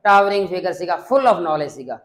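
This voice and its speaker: A man, teaching an English class and giving feedback. He speaks English slowly and with emphasis, switches to quicker to explain, and repeats his key points. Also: high voice, very animated, poor audio. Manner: slow, emphatic English lines, then quicker Punjabi explanations.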